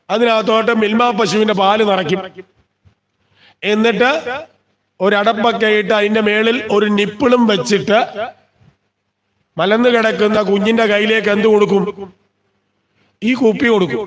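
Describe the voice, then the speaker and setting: A man's voice: high-pitched, fairly even intonation, normal speed, pauses often. A man giving a devotional scripture discourse at a temple, often asking the listeners questions and then answering them himself. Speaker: religious discourse speaker. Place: temple gathering.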